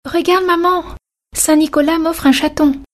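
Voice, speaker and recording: A woman's voice: very high voice, steady tone, moderate pace, voice pushed up. A woman voicing an eager five-year-old girl in a storybook reading. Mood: excited.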